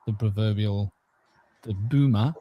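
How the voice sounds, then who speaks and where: On a laid-back conversational podcast, this co-host talks at a measured pace in a fairly low voice, recorded dully with no room sound. His chat wanders and is full of jokes, frequent laughter, and repeated restarts.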